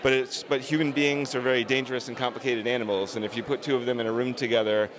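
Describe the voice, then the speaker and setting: A man's voice: mid-range voice, little pitch movement, fast talker, crowd noise, rough recording. A man, a film director, answering interview questions on a red carpet in an earnest, emphatic, discursive way.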